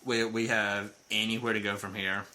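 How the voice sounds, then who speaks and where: A man's voice: lowish voice, level tone, moderate pace, pushed and bright. A man co-hosting a podcast in casual chat, easygoing and dropping lots of "you know". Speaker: podcast co-host.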